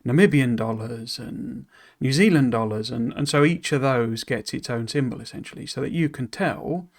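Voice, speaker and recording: This stream host reads a game developer's blog post aloud at a moderate pace in a mid-range voice, then talks through it informally. He wanders and hesitates, restarting often and saying "you know" a lot, and he's self-deprecating about his pronunciation of foreign words.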